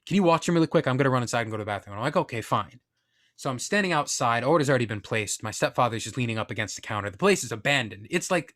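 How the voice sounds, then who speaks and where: A man's voice: mid-range voice, fairly bright tone. Candid, rambling young man telling a story. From Northeastern US. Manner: candid, self-deprecating, rambling with asides. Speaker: podcast storyteller. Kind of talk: casual personal storytelling.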